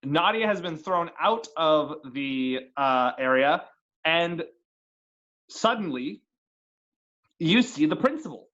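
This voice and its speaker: Guy dm'ing a dnd session, kinda high voice, dull lo-fi sound, keeps restarting his sentences. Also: expressive, slow pace, pauses often, a bit bright. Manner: casual, restarts phrases. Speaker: dungeon master. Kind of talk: narrating a tabletop game.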